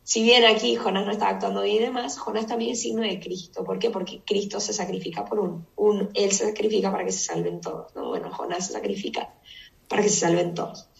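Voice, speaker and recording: A woman teaching a Bible study group, retelling the story in a lively casual way and putting questions to the listeners. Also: mid-range voice, quick pace, creaky. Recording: echoey room, distant mic.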